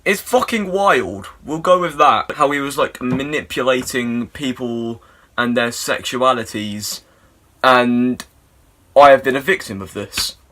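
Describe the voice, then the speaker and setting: A young man, rambling through an absurd comic story with lots of swearing and deadpan asides. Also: mid-range voice, measured pace.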